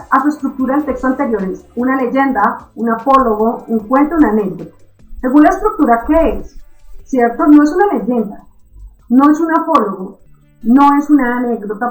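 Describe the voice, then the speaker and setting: A woman teaching an online reading lesson, constantly checking understanding with quick questions. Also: on the high side, echoey room, faint music behind, poor audio.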